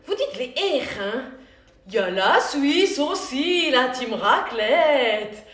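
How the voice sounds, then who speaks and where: A woman's voice: high-pitched, animated, slow, a bit bright. A woman coaching a live home workout, chatty and joking as she gives exercise cues between comments from viewers. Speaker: fitness coach. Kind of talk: live workout coaching while reading chat. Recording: roomy room with music playing. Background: workout music.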